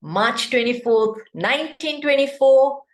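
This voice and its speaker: Slow, echoey woman giving a speech. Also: high voice, animated. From Kenya. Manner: interactive, poses questions to the audience. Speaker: club speaker. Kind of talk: prepared speech at an online meeting. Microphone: video call. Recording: echoey room.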